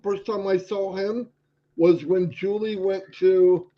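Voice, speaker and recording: A man's voice: sits high, steady tone, slow pace. A man hosting a live stream, opening the show in a chatty, rambling way. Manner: chatty, rambling, many fillers. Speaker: host. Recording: dull lo-fi stream audio.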